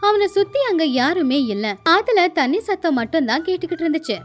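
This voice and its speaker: High-voiced woman narrating a story. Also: expressive, fairly quick, soft background music.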